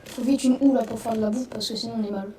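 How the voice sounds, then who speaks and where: A woman hosting a let's play, giving excitable, rambling commentary and swearing when things go wrong. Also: on the high side, fast. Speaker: gaming video host. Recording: roomy, distant mic, noisy background.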